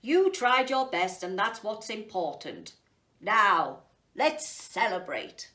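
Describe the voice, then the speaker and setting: A woman's voice: mid-range voice, very animated, takes it slowly, pushed and bright, heavily acted. A woman voicing a grand, jovial, kindly male emperor who makes proclamations in a children's storybook. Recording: roomy echo, distant mic.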